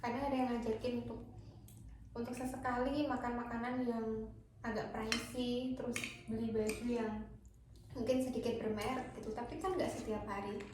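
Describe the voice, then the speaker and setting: A woman's voice: a little high, level tone, normal speed. A woman from Indonesia chatting casually over a meal as the host of a vlog. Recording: very echoey room, distant mic, clear noise.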